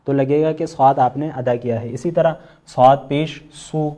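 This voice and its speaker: A man with a Pakistani Urdu accent teaching an online Quran recitation class, patiently explaining and slowly sounding out letters as examples. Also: medium pitch, dark tone. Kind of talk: online tajweed lesson.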